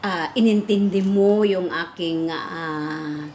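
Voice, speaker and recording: A middle-aged woman with a Visayan accent tells a story in a casual vlog, chatty and full of fillers. Her voice climbs in pitch as she gets excited. Clear background noise sits under the recording. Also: slow pace. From Visayas, Philippines. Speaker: preschool teacher.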